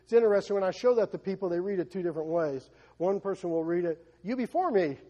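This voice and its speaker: A man's voice: sits high, expressive, quick pace, dark tone, lo-fi sound. A man preaching a sermon to his congregation, emphatic, asking rhetorical questions and often repeating words as he goes. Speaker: pastor.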